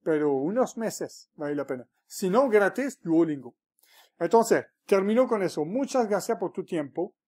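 A man's voice: high-pitched, lively intonation, moderate pace, a little mellow. A man speaking as a mentor in a motivational vlog, emphatic and repeating words for stress, with frequent restarts. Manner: restarts and stumbles often.

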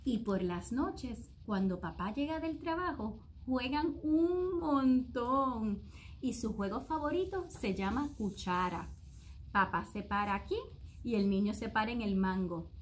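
A woman reading a children's story aloud, expressive and talking to young listeners. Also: on the high side, slight background noise.

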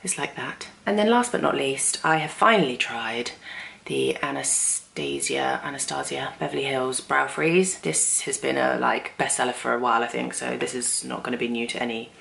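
A woman's voice: extremely low pitch, normal speed, vocal fry, a bit bright. A young woman chatting casually in a home vlog, rambling and self-deprecating. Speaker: vlogger.

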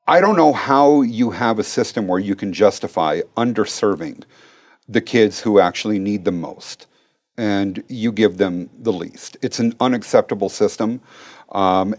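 A man's voice: on the low side, darkish tone. A middle-aged man from Russia, an attorney talking as a guest in an interview, explaining firmly with everyday examples. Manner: explains with everyday analogies, firm. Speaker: education law attorney, guest. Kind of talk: interview conversation.

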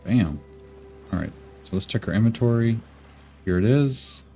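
A man with a sick, rough voice, rambling casually and thinking aloud while he plays a game. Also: lowish voice, lively intonation, normal speed, mellow. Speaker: gaming YouTuber. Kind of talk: casual gameplay commentary. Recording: game music playing behind. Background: game music.

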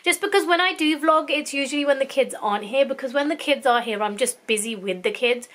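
A woman's voice: high-pitched, animated, a little fast, fairly bright tone. A woman in her thirties, feeling unwell with sore tonsils, chatting casually to a handheld camera in her bedroom, rambling between plans and minding her son. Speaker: vlogger. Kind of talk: casual vlog chat. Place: bedroom, indoors. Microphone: handheld camera at arm's length.

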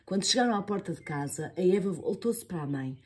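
A woman reading a children's story aloud, playful and expressive, adding sound effects. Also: fairly low pitch, quick pace, slightly rough.

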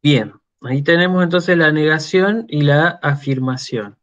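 Slow-spoken Argentine man lecturing. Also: a little high, a bit bright, dull audio. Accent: Argentine Spanish. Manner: slow explanatory delivery with frequent "¿sí?" checks. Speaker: university lecturer. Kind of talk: recorded online lecture.

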